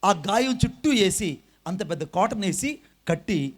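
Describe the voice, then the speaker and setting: High-voiced male preacher telling a story. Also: lively intonation. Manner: tells a story with acted dialogue, then rises to loud exhortation; drops in halting English phrases. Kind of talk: sermon with a storytelling illustration.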